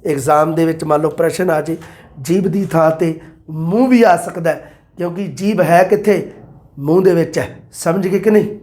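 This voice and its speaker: High-voiced teacher, chatty lecture. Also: male voice, moderate pace, darkish tone. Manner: chatty, repeats points, quizzes listeners. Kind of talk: exam-prep lecture.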